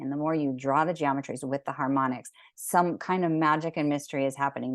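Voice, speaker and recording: A woman's voice: low-pitched, dry recording, studio quality. A woman teaching a geometry class over a video call, talking in an enthusiastic, rambling way with many fillers and restarts. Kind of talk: online class talk.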